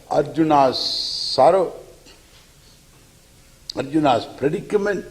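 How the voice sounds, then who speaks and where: Animated man teaching scripture. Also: a little high, poor audio. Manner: animated storyteller, chuckles often, recites Sanskrit verses. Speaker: spiritual teacher. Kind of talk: lecture on scripture.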